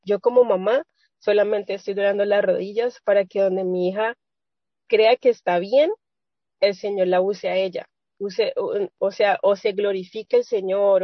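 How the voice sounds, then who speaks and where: A woman's voice: medium pitch, dry recording. An earnest woman shares a rambling church testimony, often restarting her sentences. The sound is dry and close. It comes over a muffled, lo-fi video call. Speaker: church member sharing testimony. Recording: dull lo-fi video call audio.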